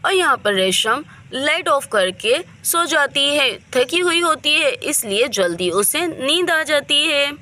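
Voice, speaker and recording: A woman narrating a doll story in a steady, plain storytelling manner. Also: sits high, slow, few pauses.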